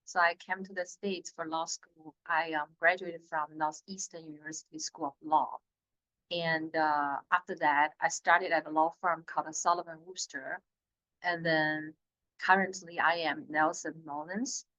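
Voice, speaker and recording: A woman, a corporate attorney introducing herself on a panel, earnest and direct with some halting restarts. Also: low-pitched, fairly even intonation, bright, forceful tone. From China. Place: law school lecture room. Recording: dull lo-fi recording.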